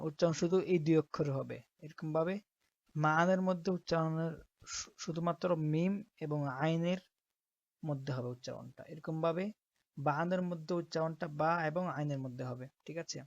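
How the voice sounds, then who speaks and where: A woman teaching Quran reading, who spells out letters slowly and often checks that her listeners are following. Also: deep voice, a little mellow, dry recording, dull audio. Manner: slow, patient, checks in with "ঠিক আছে?".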